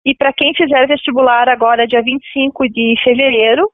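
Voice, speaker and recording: A woman's voice: sits high, steady tone, fairly quick, dry recording. Woman campus coordinator, phoned-in over a landline, tinny narrow sound, chatty explanatory tone. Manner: explanatory, ends points with "tá?", frequent fillers. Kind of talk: radio phone interview. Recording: tinny phone line on radio.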